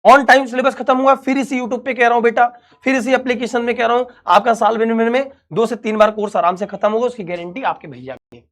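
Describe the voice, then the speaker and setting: A man's voice: extremely high pitch, a little fast, hardly any pauses, fairly bright tone. A young man, teaching an online physics class in a chatty, reassuring way and calling the students his dear children.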